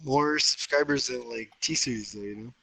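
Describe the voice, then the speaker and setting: A man cohosting a late-night chat with friends, excitable, playful and giggly. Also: medium pitch, moderate pace, vocal fry, dry recording, poor audio. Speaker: podcast co-host.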